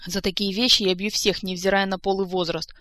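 A woman reading aloud, voicing a rough male gunfighter who growls and snaps angrily. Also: mid-range voice, little pitch movement, a little fast, a bit bright, dry recording, natural voice. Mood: angry. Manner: growling, snarling. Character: rough tough man, gunfighter.

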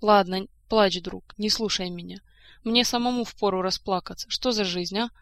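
Женщина читает за отчаявшегося короля. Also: female voice, mid-range voice, steady tone, normal speed, a bit bright, no echo, lightly acted. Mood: despairing. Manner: weary, bitter, speaks in long outpourings. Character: grieving despairing adult male king.

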